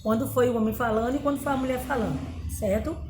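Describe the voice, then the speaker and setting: A woman's voice: on the high side, fast talker, reverberant, noisy background. A woman from Brazil teaching a remote lesson to young pupils, going through a workbook and often checking in with them. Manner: patient, explains step by step, often checks in with "tá bom?". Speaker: primary school teacher.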